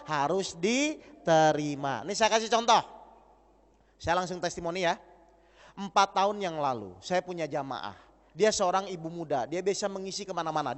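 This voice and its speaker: A man preaching a lively sermon, acting out dialogue and putting questions to the audience. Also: sits high. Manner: animated, acts out dialogue, asks the audience questions. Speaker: Islamic preacher. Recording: long hall reverb.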